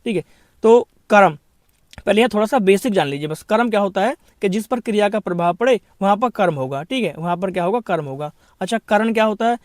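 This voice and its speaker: A man's voice: sits high, expressive, quick pace, dry recording, studio quality. A man teaching a grammar lesson for exam preparation, explaining each point, then asking and answering his own questions and calling his students brother.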